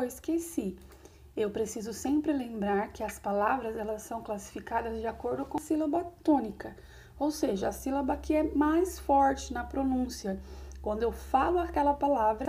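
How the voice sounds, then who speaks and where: A woman's voice: on the high side, dark tone. A woman from Brazil, a primary school teacher, patiently explaining a recorded lesson to children step by step.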